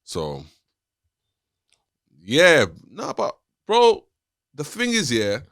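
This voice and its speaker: A man's voice: fairly high pitch, wildly swooping pitch, extremely slow, fairly bright tone, no echo, clean studio sound. A man, hosting a casual, slangy chat with frequent laughs. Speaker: host.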